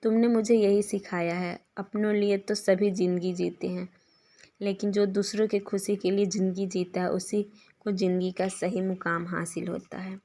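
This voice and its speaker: A woman voicing an earnest young husband who speaks calmly and sincerely. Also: medium pitch, normal speed, lightly acted.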